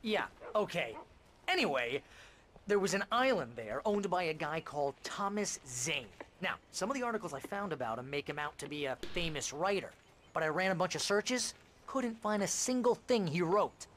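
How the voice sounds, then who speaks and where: A man voicing a chatty, excitable agent and loyal best friend in a video game, talking in an eager, colloquial way. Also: high-pitched, moderate pace, a little hiss or hum. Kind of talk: video game dialogue acting.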